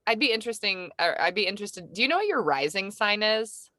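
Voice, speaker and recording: A woman hosts a relaxed podcast conversation and slips into animated storytelling, acting out her own past reactions. Her voice is bright and forceful. The sound is dry and close, with no room around it. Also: mid-range voice, fast talker, no echo. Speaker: podcast host. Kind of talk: casual conversation. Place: camper van.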